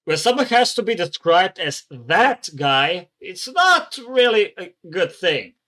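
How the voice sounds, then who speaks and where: A man's voice: high-pitched, very animated, slow pace, bright, forceful tone. A man hosting a reaction channel who comments in a casual, rambling way and swears often.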